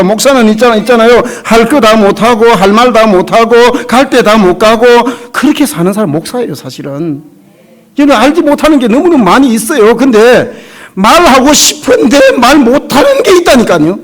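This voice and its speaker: Middle-aged male pastor, revival sermon, conversational and emotional, very high, swooping voice. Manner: emotional, conversational preaching with sudden drops to a hush. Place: church sanctuary.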